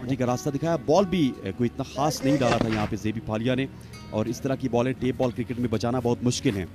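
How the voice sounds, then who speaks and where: A man commentates on cricket ball by ball in a medium-pitched voice. Music is clearly audible behind his live description of play. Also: fast.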